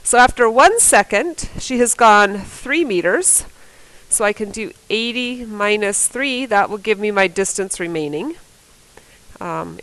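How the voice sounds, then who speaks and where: Poor audio captures a classroom lesson in which a woman teacher, battling a cold, works math problems on a board. She speaks in a mid-range, fairly bright voice, casually thinking aloud and correcting herself.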